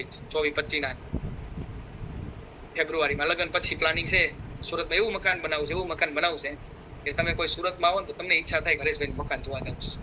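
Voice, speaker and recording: A man's voice: on the high side, bright, forceful tone, slight background noise, poor audio. A middle-aged man giving a fervent motivational talk, urging listeners on and acting out what his friends said. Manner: fervent, exhorting, acts out quoted friends. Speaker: motivational speaker.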